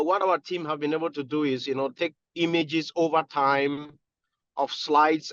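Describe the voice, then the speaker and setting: A man speaking on a phone call from his car while driving, giving a relaxed explanation as a panelist in a discussion. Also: fairly high pitch, dry recording. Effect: speaking on a phone call from a moving car. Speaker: panelist in an online health-care discussion. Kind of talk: conversational explanation on a video call.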